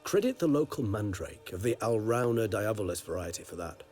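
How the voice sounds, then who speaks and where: A cultivated vampire of great age, lending each ornate sentence a wry, dry edge. His low voice roams freely up and down, with a faint music bed playing under the game dialogue. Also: sing-song, a little fast, darkish tone. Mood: genteel. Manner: dry, ornate, lightly sarcastic. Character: refined ancient male vampire, wry and erudite.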